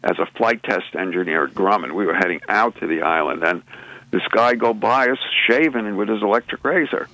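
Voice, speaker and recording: A man's voice: on the low side, brisk, pushed and bright, no room sound, poor audio. A man co-hosting a radio talk show, explaining the news in a rambling way full of restarts and filler sounds. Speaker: radio show co-host presenting news segments. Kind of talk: casual radio chat.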